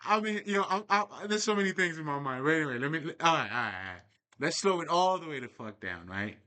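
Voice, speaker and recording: A man's voice: fairly high pitch, lively intonation, quick pace, bright, forceful tone. A young man talking in a casual, profane, rambling monologue as a spiritual vlogger. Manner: profane, streetwise, digressive.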